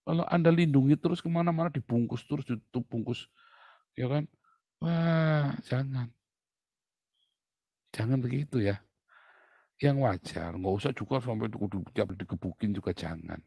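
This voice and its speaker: A middle-aged man preaching a sermon as a pastor, blunt and animated, joking and laughing with his listeners. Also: mid-range voice, moderate pace, gravelly, pauses often, husky, no echo, rough recording.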